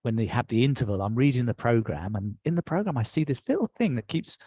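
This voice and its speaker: A man's voice: medium pitch, animated, quick pace, warm tone, husky, no room sound. A middle-aged man with an English accent, a guest telling his life story in a reflective way. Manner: reflective, recounts with quoted dialogue. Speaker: interview guest. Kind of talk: personal storytelling.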